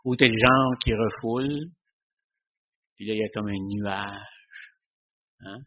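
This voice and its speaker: Guy talking about faith, kinda husky voice, dull lo-fi recording. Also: fairly low pitch, slow. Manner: conversational, frequent tag questions. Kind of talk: casual teaching on faith.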